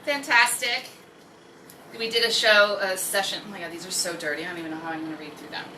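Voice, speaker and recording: Speaking fast in a pushed, bright mid-range voice with fairly even intonation, a woman hosts a live story-time stream. She's American, a native English speaker, and rambles casually with jokey asides while reading aloud. The recording sounds distant and roomy, with faint background noise.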